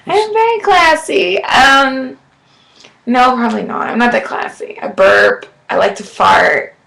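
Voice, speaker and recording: Brief: young woman guest, bright tone, loud and frank, echoey room sound. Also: fairly high pitch, a little slow, vocal fry. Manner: loud, candid, laughs often. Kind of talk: casual chat. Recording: roomy echo.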